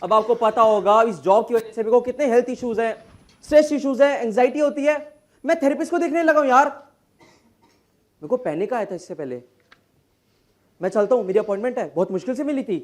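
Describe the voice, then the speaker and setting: A man's voice: a little high, a little mellow. An Indian-accented man playing a stressed, boastful tax lawyer who bursts into agitated rants. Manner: rapid agitated outbursts, mixes Hindi and English. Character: frazzled overworked male tax lawyer, anxious, boastful. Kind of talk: stage drama acting.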